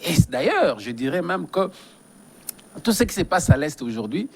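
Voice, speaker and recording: A man's voice: fairly high pitch, very animated, moderate pace, creaky, slight background noise. A man from DR Congo, a guest giving earnest, emphatic political commentary in a studio interview and often repeating his phrases.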